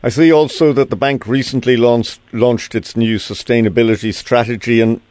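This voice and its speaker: A man's voice: mid-range voice, steady tone, normal speed, a little mellow, dry recording. An Irish man hosting a business interview on the radio. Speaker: radio business show host.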